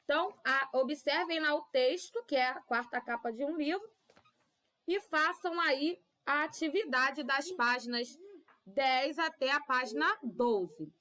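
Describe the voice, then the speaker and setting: A woman with a Brazilian Portuguese accent teaching young children in a recorded class, with drawn-out syllables and constant "tá?" checks. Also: sits high, pushed and bright. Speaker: primary school teacher.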